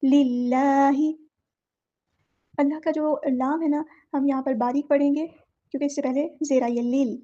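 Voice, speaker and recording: A woman teaching Quran recitation rules, explaining each word and then reciting it slowly and drawn out. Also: sits high, fairly even intonation, dark tone, lo-fi sound. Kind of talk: tajweed lesson.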